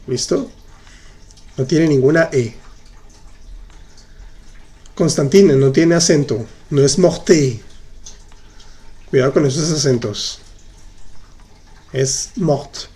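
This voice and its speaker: A man leads a live online lesson, talking slowly and patiently as he repeats each example. His voice sits a little high but has a mellow, soft tone. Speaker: French teacher. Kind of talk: live online class, answering chat.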